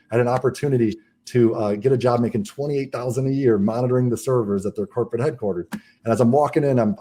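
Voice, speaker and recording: A man's voice: mid-range voice, warm tone, slightly rough. A man who is a podcast guest, telling his own life story in casual talk, earnest and full of restarts. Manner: earnest, rapid, with frequent restarts.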